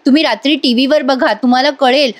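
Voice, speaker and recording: Animated woman recapping a serial. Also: high voice, fast talker. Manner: animated retelling, addresses viewers directly. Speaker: TV serial reviewer. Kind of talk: voice-over episode recap.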